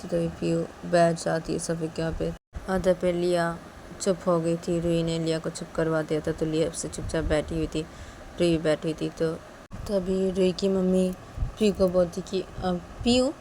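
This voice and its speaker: Rich: A woman narrating a serial love story in a low-set voice, stringing events together in a plain, chatty way. Faint noise hangs under the homemade recording. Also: flat delivery, normal speed, dark tone, low-quality recording. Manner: plain retelling with many linking words.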